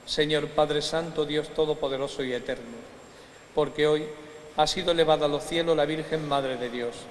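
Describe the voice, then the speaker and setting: Priest with a cathedral echo. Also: male voice, fairly high pitch, fairly even intonation. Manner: slow, measured, reverent phrasing. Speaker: priest celebrating Mass. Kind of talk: solemn liturgical recitation. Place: large church. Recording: echoey church with long reverb, faint hiss.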